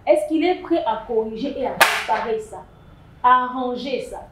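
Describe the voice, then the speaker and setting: A woman, chatting lively on a talk show panel, with emphatic bursts. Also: fairly high pitch, moderate pace. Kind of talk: casual chat show commentary. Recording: echoey room with faint noise.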